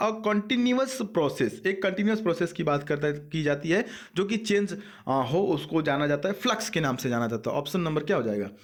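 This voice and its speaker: Man teaching, fond of asking and answering himself. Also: a little high. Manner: explains in Hindi mixed with English, repeats key words, asks and answers himself. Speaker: exam coaching teacher. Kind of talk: online vocabulary lesson.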